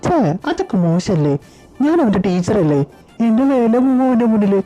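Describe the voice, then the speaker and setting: A woman's voice: fairly high pitch, sing-song, moderate pace, dark tone, highs cut off, faint music behind. A woman voicing anxious young men bantering and pleading with friends in a fan audio drama. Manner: pleading, exasperated chatter.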